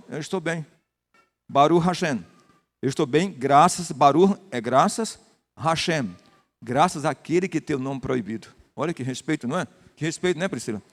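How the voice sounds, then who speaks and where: An older Brazilian pastor with a Brazilian Portuguese accent leads a Bible study in a church hall, greeting members of the congregation by name. His voice is fairly high-pitched and carries a big-room sound.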